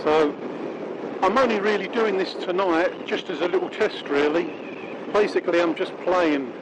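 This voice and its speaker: Casting: middle-aged Irish male motovlogger, high-pitched, colloquial, rambling delivery, voice inside a helmet with heavy road noise. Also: moderate pace. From County Mayo, Ireland. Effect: muffled inside a motorcycle helmet. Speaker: motorcycle vlogger. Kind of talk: casual riding commentary to viewers. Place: outdoors on a moving motorcycle, inside helmet. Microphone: dictaphone worn while riding. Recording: loud engine and wind noise.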